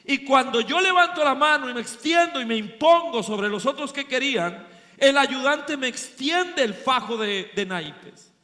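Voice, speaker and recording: High bright-voiced preacher in a hall. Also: male voice, expressive, unhurried. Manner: dramatic storytelling, swings from loud to hushed. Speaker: pastor. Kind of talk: sermon. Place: large hall at a pastors' retreat. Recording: long hall reverb.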